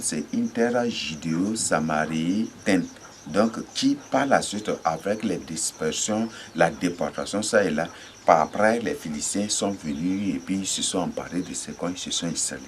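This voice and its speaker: A man gives an informal Bible teaching, repeating himself, pausing, and spelling words out letter by letter. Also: low voice, a little hiss or hum. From Chad. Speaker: religious teacher.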